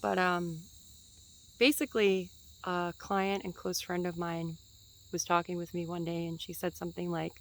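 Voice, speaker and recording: A woman's voice: fairly low pitch, little pitch movement, normal speed, poor audio. A woman in her twenties giving a casual spiritual teaching outdoors in a forest, chatty and meandering, with fillers and light laughs.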